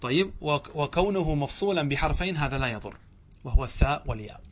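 A sheikh teaching grammar to a class, his voice sitting a little high for a man. He keeps putting questions to his listeners and answering them himself. He often breaks off to fix a word he just said. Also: animated, fast talker, slight background noise.

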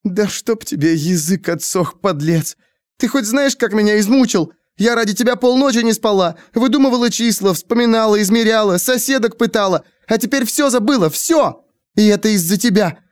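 A man's voice: high voice, expressive, fairly quick, a little mellow, no echo, clean studio sound, voice pushed up. A man voicing a determined young woman who keeps pressing with questions. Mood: furious. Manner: insistent questioning.

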